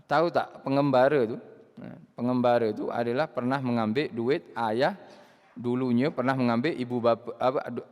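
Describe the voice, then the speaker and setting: A man's voice: mid-range voice, a little mellow, long reverb tail. Chatty male religious teacher. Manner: conversational, laughing, acting out quoted speakers. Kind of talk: Islamic study circle lecture.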